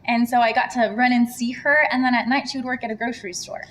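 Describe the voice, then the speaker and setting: A woman's voice: on the high side, fairly even intonation, fast talker, fairly bright tone, a little hiss or hum, poor audio. A woman from Serbia talking candidly as an entrepreneur guest in a casual interview. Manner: candid, chatty.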